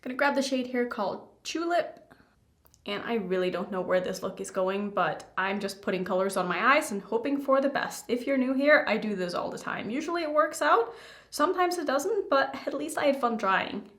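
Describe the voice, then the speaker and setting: A woman's voice: a little high, lively intonation, normal speed, a bit bright. A young adult woman rambling candidly to her viewers in a casual makeup vlog. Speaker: beauty YouTuber. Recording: roomy indoor echo.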